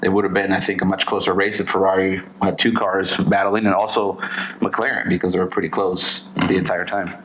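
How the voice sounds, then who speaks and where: A man's voice: low voice, little pitch movement, brisk, fairly bright tone, poor audio. A man co-hosting a casual podcast, talking in a loose, rambling way with plenty of fillers. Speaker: podcast co-host. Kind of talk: casual chat.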